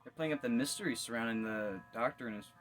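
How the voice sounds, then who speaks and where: A man's voice: medium pitch, fast talker, a bit bright, faint music behind. A tired man giving casual reaction commentary, yawning and musing loosely as he watches. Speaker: video reactor.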